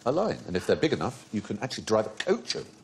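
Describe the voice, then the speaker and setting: A man's voice: on the low side, huge pitch swings, racing, creaky, a little hiss or hum. A man hosting a comedy panel quiz, explaining facts in a wry way and laughing often, in a TV studio. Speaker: quiz show host. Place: TV studio with audience.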